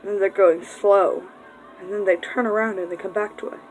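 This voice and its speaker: A woman's voice: medium pitch, fairly even intonation, brisk, a little mellow, faint music behind, poor audio. A young woman vlogger telling a rambling, casual story, swearing freely and breaking off for distracted asides.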